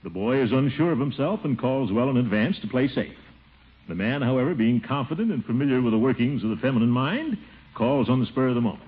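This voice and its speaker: An actor playing a pompous, blustering middle-aged bachelor uncle in theatrical 1940s radio comedy style. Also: male voice, mid-range voice, lively intonation, fast, natural voice. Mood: self-satisfied. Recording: tinny, very noisy old radio recording.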